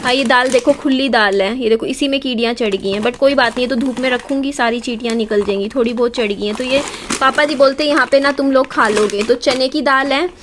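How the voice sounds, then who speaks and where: Chatty high-voiced young woman vlogging. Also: background noise. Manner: chatty, mixes English words into Hindi. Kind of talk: casual home vlog. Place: indoors at a hospital stay.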